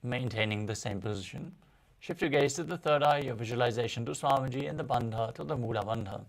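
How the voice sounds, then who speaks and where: Creaky-voiced man guiding yoga postures. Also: medium pitch. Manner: measured, instructional. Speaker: yoga instructor. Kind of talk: guided yoga posture instruction.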